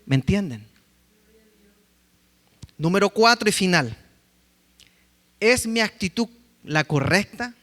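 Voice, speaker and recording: A man preaching a sermon as pastor, telling stories with lively acted-out quotes. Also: sits high, takes it slowly, long pauses, in a large hall. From Chile. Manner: lively storytelling, acting out quotes. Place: church sanctuary.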